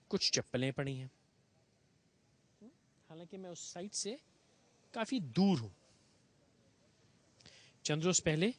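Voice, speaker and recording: A man's voice: high-pitched, no room sound. A man hosting a TV show, speaking earnestly and with grief in an on-location monologue, standing outdoors near a bomb site and mixing English phrases into his speech. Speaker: TV show host.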